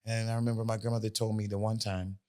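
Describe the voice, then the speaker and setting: Talking quickly in a lowish, darkish voice with flat delivery, this American singer in his forties is an interview guest telling his story. The conversation is casual and rambling, with frequent fillers and restarts.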